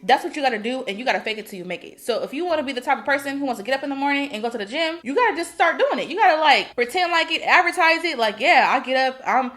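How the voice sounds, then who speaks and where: A woman's voice: high-pitched, expressive, racing, hardly any pauses, fairly bright tone. A young woman from California giving chatty self-help advice in a vlog, full of quoted asides. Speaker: vlogger.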